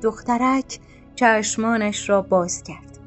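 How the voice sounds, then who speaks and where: A woman narrating a scripted story in a calm, measured, literary way. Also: on the high side, faint music behind.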